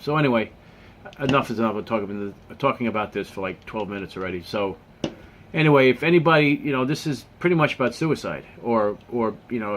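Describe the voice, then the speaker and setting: A man vlogs to camera in a casual, earnest manner, restarting often and dropping low and quiet when he makes sincere points. There's slight background noise.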